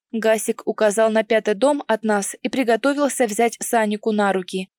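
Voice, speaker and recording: A woman's voice: fairly high pitch, a little mellow, no echo, studio quality. A woman narrating a first-person audiobook in a wry, conversational storytelling manner.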